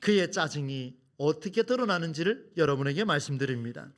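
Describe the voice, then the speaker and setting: A man's voice: a little high, expressive, brisk. A middle-aged male pastor preaching a sermon, acting out complaints and asking the congregation rhetorical questions. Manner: dramatic, acts out quoted complaints.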